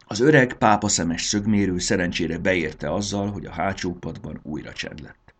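A man reading a children's storybook aloud as narrator, with a gravelly voice. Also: low voice.

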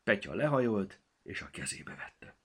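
A man reading a children's audiobook aloud, expressive and storytelling. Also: lowish voice, creaky, breathy edge. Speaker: narrator.

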